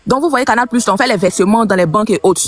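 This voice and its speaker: A woman on a live audio chat recounting a colleague's bank deposit trouble, talking fast and a little haltingly. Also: medium pitch, no room sound. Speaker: participant sharing a story.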